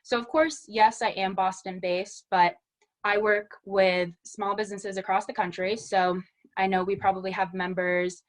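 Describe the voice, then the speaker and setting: A woman's voice: medium pitch, level tone, normal speed. A woman, giving a chatty, upbeat webinar presentation over a video call. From Western Massachusetts. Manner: chatty and upbeat, many "you know"s. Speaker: guest speaker, small business specialist.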